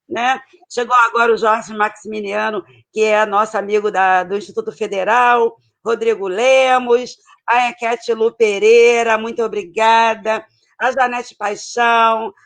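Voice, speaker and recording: A woman hosting an online debate, thanking attendees by name and handing over to the next speaker. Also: on the high side. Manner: warm thanks, reads out names of guests. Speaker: debate moderator. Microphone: video call.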